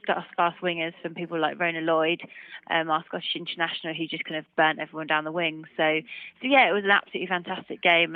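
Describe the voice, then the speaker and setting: A woman with a low voice talks casually as a rugby player in a post-match phone interview, giving loose, run-on answers full of hedging, "kind of" and "you know." There's no room sound, and the telephone mic makes the narrowband line sound muffled.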